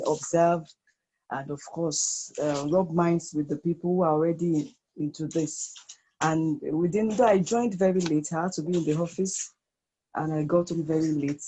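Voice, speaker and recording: Low, mellow woman on a group voice call. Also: a little hiss or hum, low-quality recording. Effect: heard over an online group voice call. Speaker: guest participant giving feedback. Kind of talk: spontaneous remarks in a meeting.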